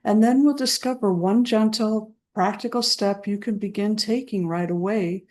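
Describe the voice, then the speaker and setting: A woman speaking as a trauma recovery coach, guiding listeners through a self-help practice in a gentle, soothing way with deliberate pauses. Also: mid-range voice. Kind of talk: slow guided self-help talk.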